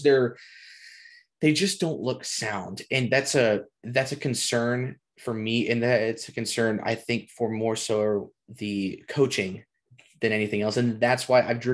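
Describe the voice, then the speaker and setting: Male podcast host, casual chat, frustrated rambling, mid-range voice. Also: mid-range voice.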